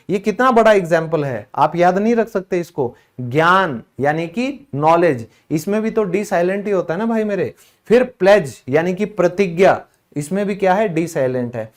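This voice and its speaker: High-voiced man teaching English pronunciation. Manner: explains with many rhetorical questions, repeats words for pronunciation. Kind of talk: spoken English lesson.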